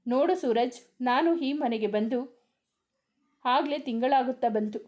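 A woman's voice: sits high, measured pace, a little mellow. A woman voicing a heartbroken young wife who pleads and longs for her husband in an audio story. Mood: pleading.

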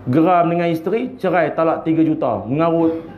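High-voiced Malaysian preacher telling stories. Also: male voice, brisk, slight background noise. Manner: humorous storytelling, acts out voices, laughs often. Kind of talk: evening religious lecture. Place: mosque prayer hall. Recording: echoey dull lo-fi hall recording.

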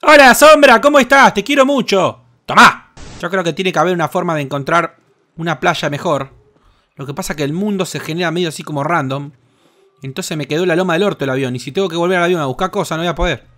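A young man with a Rioplatense Spanish accent, commenting on his gameplay in an excitable, crude way with lots of swearing. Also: a little high, quick pace. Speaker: gaming host.

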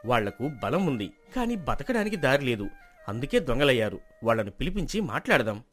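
An earnest young villager pleads his case with lively rises and falls in pitch, as a man acts him out. He argues quickly and firmly, like a hero in a storybook drama. Soft music plays underneath. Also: natural voice. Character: earnest young male villager, calm and persuasive.

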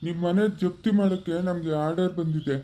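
A woman's voice: on the low side, steady tone, brisk, mellow, a little hiss or hum, close to an everyday voice. A woman playing a stern male police officer, curt and commanding.

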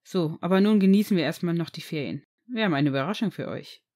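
A woman reading aloud as a calm, stern aristocratic father, speaking in a measured, steady way. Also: lowish voice, natural voice.

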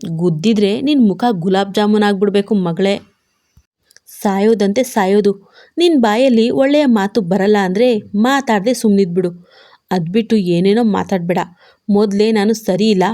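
A woman voicing a teasing, gruff young husband who is a businessman, scolding in mocking banter. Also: mid-range voice, moderate pace, warm tone, lightly acted.

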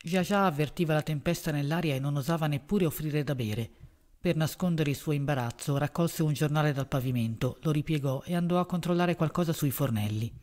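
A man's voice: a little high, brisk, a little mellow. Man narrating a literary audiobook.

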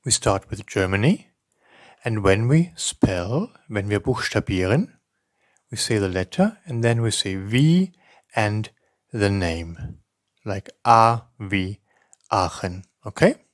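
A man in his fifties teaching a language lesson, reciting examples in a deliberate, carefully enunciated way. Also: lowish voice, sing-song, no echo, clean studio sound.

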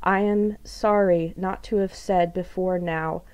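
A woman poet reading her own poem aloud, with a measured, deliberate delivery that leans on repeated phrases. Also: fairly low pitch, steady tone, a little mellow. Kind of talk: poetry reading.

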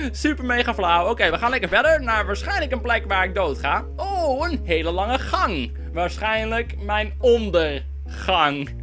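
A man's voice: sits high, very animated, unhurried, bright, forceful tone. A young man doing let's play commentary, sarcastic and jokey, swearing often. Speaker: gaming YouTuber. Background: faint game music.

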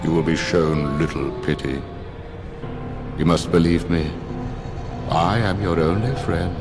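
An actor playing a cruel, stern old judge in a video game, condescending and menacing in a deliberate way. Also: male voice, rumbling low, steady tone, music in the background. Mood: falsely kind, condescending. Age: older. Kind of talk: animated video game acting.

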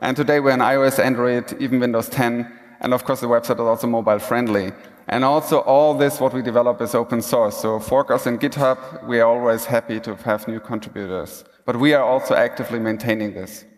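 Brisk and steady in tone, a man with a mid-range voice gives a casual keynote talk, restarting his sentences again and again. The setting is a large conference hall stage, and the recording carries the hall's reverberation.

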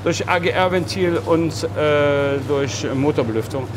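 A man's voice: on the high side, takes it slowly. A middle-aged man co-hosting a car workshop show in casual, rambling chat, often restarting his sentences. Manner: rambling, restarts sentences, folksy sign-offs. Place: indoor car repair workshop. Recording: workshop noise behind.

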